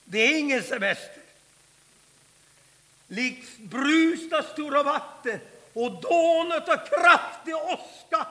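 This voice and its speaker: A man preaching a fervent Pentecostal sermon, swinging from hushed asides to loud shouts. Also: extremely high pitch, animated. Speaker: pastor. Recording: long hall reverb.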